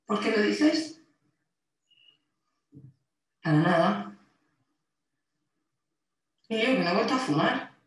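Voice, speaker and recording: A woman's voice: mid-range voice, very animated, slow pace, pauses often. An actress with a Spain Spanish accent playing a harassed woman who argues tensely with her ex over the intercom, pleading and exasperated. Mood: weary. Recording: echoey distant playback in a hall.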